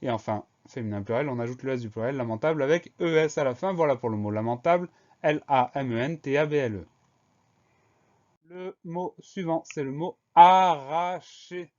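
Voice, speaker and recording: A man teaching a spelling lesson, calmly breaking words into syllables and spelling them out letter by letter in a clear, methodical way. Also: mid-range voice, muffled recording. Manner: slow, clear, methodical dictation.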